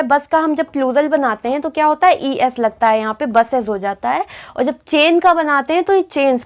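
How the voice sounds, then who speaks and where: A young woman teaching spelling rules in a lesson, often asking a question and then answering it herself. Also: sits high. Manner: asks and answers her own questions. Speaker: English teacher. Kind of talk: classroom-style spelling lesson.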